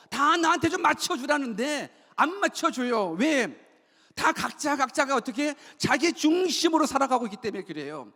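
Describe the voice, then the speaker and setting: A man's voice: extremely high pitch, sharp tone. A male pastor preaching a sermon to his congregation, posing rhetorical questions and leading them in call-and-response repetition. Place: church sanctuary. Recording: long church hall reverb.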